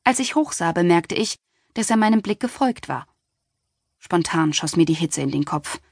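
Husky woman narrating an audiobook. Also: fairly low pitch, animated, normal speed, no echo, clean studio sound. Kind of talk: first-person audiobook narration.

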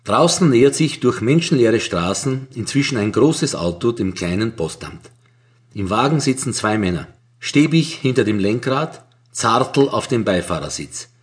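A man reads a crime story aloud with a Viennese accent. His middle-pitched voice moves freely up and down in a wry, storytelling way. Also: animated, moderate pace. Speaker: audiobook narrator. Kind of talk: scripted narration.

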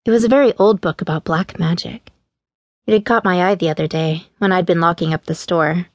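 A woman narrating a young adult fantasy audiobook in first person, plain and even. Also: fairly low pitch, brisk, no room sound, clean studio sound. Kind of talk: scripted narration. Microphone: studio mic, dry booth.

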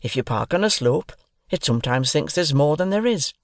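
A kindly young miner in his twenties, easygoing and reassuring, his voice a touch higher than usual, as a storyteller plays him. It is recorded close and dry. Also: animated, brisk, vocal fry, dry recording.

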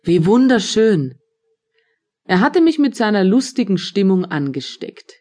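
A woman narrating an audiobook of a classic story in a calm, measured way. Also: medium pitch. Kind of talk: scripted literary narration.

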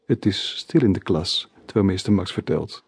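Male author reading his kids' book aloud; husky voice, dry close recording. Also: low voice, normal speed, no room sound. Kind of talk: scripted children's audiobook narration.

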